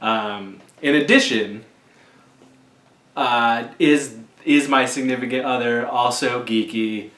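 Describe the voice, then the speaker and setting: A man in his forties hosting a casual video chat in a jokey, halting manner. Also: mid-range voice, a bit bright. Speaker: video host. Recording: echoey room.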